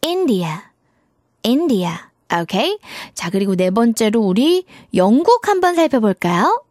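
A woman's voice: on the high side, sing-song, normal speed, a little mellow, dry recording, studio quality. A woman teaching English to children in Korean, in a cheerful, encouraging way. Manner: cheerful, encouraging, sing-song.

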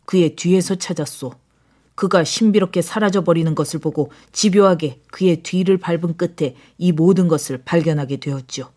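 A woman voicing a mysterious, calm older foreign man in an audiobook drama, speaking low, hushed and measured. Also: close to an everyday voice. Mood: explaining.

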